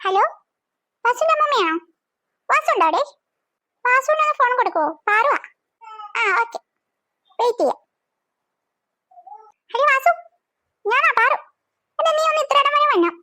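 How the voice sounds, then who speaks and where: A woman's voice: very high-pitched, big pitch swings, moderate pace, pauses often, pushed and bright, no echo, clean studio sound, full character voice. A woman voicing a nosy, scheming little-sister girl who talks in an eager, snooping way in a cartoon. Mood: urgent. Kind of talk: cartoon voice acting.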